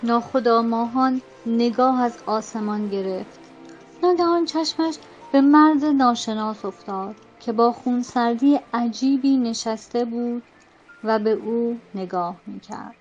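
A woman narrating a novel as an audiobook in a measured, dramatic storytelling manner. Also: a little high, dull audio, soft background music. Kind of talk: scripted narration.

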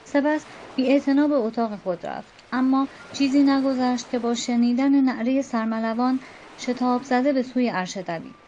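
A woman narrating a storybook tale in an even, measured reading. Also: sits high, a little hiss or hum. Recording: dull lo-fi with faint music.

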